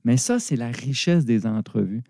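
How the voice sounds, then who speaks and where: A middle-aged man with a Quebec French accent walks through business ideas like a teacher, animated and quick to laugh. His voice is mellow and dark. The recording is dry and close. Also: mid-range voice, vocal fry, no room sound. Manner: animated, explanatory, laughs often. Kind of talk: conversational explanation.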